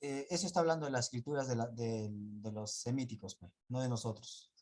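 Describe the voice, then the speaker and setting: A man's voice: mid-range voice, fairly even intonation, fairly quick, a little mellow. A male teacher giving a pronunciation class, patiently repeating sounds and checking that students follow. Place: online class in 2021.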